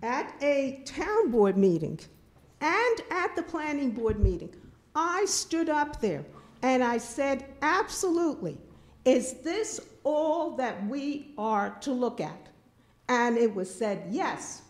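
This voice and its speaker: A woman's voice: high-pitched, very animated, slow. Indignant older woman at a podium. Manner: indignant, emphatic, repeats herself. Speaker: resident speaking at public comment. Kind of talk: public comment at a town board meeting. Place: meeting room in a town hall. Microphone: podium microphone, filmed from a distant camera.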